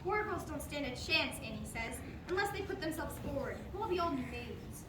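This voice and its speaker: A woman's voice: high voice, animated, moderate pace. A woman playing an earnest, romantic and proud young woman in an amateur stage play, recorded from a distance in a noisy, echoing room. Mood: wistful.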